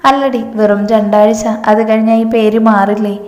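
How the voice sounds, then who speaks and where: A woman's voice: medium pitch, fairly even intonation, normal speed, a little mellow, lightly acted. A woman voicing a playful young man teasing his fiancée. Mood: joking. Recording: echoey room with long reverb.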